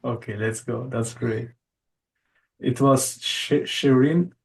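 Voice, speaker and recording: A man's voice: mid-range voice, slow pace, creaky, a little hiss or hum. A man hosting an online poetry session, chatting casually and hesitantly, often repeating words as he thinks. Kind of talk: casual group chat.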